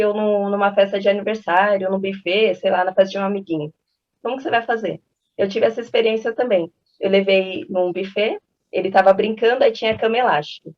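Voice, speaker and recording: A woman in her thirties from Brazil talks quickly and casually about raising children. She strings anecdotes together and acts out the quoted voices of the people in them. The recording sounds a little dull and lo-fi. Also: medium pitch. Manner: chatty, storytelling, acts out quoted dialogue. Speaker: parenting channel host. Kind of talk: casual advice talk with anecdotes.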